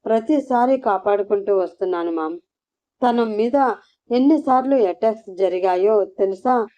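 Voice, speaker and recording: A woman's voice: mid-range voice, moderate pace, dark tone, natural voice. A woman voicing an angry, jealous young husband who demands answers in a storybook reading. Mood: hurt, accusing. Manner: accusing, demanding. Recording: slightly muffled lo-fi recording.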